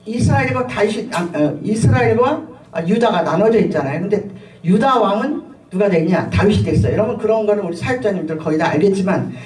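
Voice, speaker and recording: A middle-aged woman pastor giving a sermon with personal testimony, telling her story in an animated way with frequent laughter and fillers. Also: mid-range voice, brisk. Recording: echoey room, voice from a distance, faint ambient noise.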